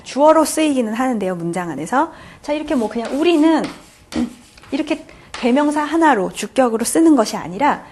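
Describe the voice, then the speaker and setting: Woman grammar lecturer, animated and slightly husky, patient and repetitive. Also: fairly high pitch. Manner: patient, repeats key points, frequent "자" and questions to students. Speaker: French grammar teacher. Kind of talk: classroom lecture.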